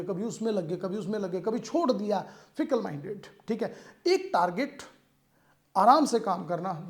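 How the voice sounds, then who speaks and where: A man with an Indian accent teaches English vocabulary for competitive exams, explaining word meanings in a mix of Hindi and English and checking in repeatedly with "theek hai". His voice is high with a darkish tone.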